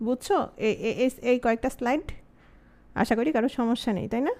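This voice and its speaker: A woman with a Bangladeshi Bengali accent teaching an online grammar class. She asks the students many questions and repeats example words slowly. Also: on the high side, a little mellow.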